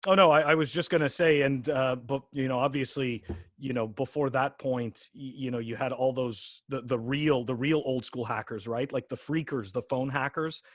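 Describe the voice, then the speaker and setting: A man's voice: medium pitch, steady tone, normal speed, no room sound. Rambling man in his forties, dry sound. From Quebec, Canada. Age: 40s. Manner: rambling, many restarts and "you know"s. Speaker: podcast guest. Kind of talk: casual interview chat.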